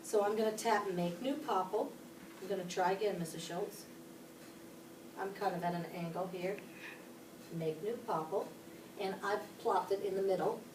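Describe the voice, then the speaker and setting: A Pittsburgh, Pennsylvania woman teaches children at a moderate pace in a medium-pitched voice, leaving long pauses as she explains each step and asks questions. The recording comes from a camera across an echoey classroom, far off and with a noisy background.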